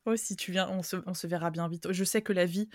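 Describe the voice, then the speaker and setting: A woman with a Vendée accent hosts a podcast in loose, chatty talk, her voice tired and slightly strained. Her pitch sits rather low and the sound is dry and close. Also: fast talker, dry recording. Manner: chatty, lively, laughs often. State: tired voice, throat worn. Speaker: podcast host. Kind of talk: casual podcast chat.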